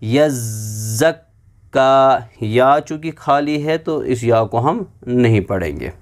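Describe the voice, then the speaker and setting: A male teacher gives a Quran reading lesson at an unhurried overall pace, voice pitched in an ordinary middle range. He spells out letters and syllables slowly for listeners to repeat, then explains the rules in quick bursts. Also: animated. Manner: has listeners repeat after him.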